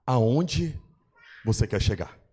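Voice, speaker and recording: A man preaching a sermon as pastor, building fervently into shouts. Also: mid-range voice, lively intonation, slow pace, slightly rough.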